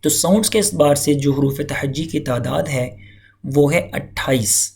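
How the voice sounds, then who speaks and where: A man's voice: fairly high pitch, creaky, darkish tone. A man teaching a recitation lesson, explaining step by step and repeating key points. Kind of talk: lecture-style lesson.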